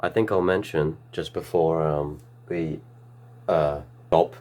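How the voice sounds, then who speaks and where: A man's voice: extremely low pitch, steady tone, slow, mellow. A young man co-hosting a casual podcast, telling stories in a laid-back way. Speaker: podcast co-host. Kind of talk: casual chat.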